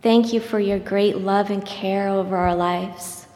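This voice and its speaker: Woman praying in cathedral echo. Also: medium pitch. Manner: slow, steady, reverent. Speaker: prayer leader. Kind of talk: leading a congregational prayer. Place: church sanctuary. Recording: echoey church hall, long reverb.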